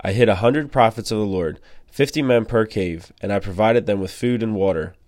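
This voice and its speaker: Fearful male royal servant, as a man reads him, earnest and low-voiced, audio Bible story. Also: normal speed, darkish tone, no echo, clean studio sound, lightly acted. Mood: pleading.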